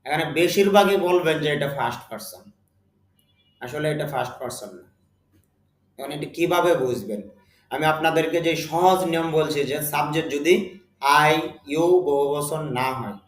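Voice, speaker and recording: The speaker is a man with a Bengali accent and a fairly high pitch, his intonation lively as he teaches spoken English. He moves slowly and deliberately, repeats words so students can follow, and the room sounds roomy.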